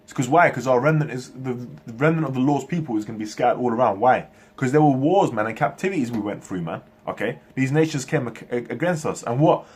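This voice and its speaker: A man preaches at length, his voice a little rough and breathy at a middle pitch. He restarts his sentences often and closes almost every phrase with a "man" or an "okay". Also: expressive, darkish tone. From Turkey, raised in England. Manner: halting, frequent restarts. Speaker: religious speaker. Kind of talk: preaching monologue to camera.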